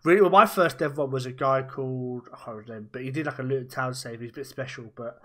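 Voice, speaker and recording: A young man hosting a casual podcast interview, chatty and quick with rapid-fire questions. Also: medium pitch, pushed and bright. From raised Welsh, born in Germany. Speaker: podcast host.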